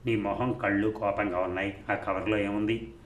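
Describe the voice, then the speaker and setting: A man's voice: fairly low pitch, flat delivery, moderate pace, natural voice. Earnest protective young man, read by a man. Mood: probing. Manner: direct, reassuring. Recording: roomy recording, faint noise.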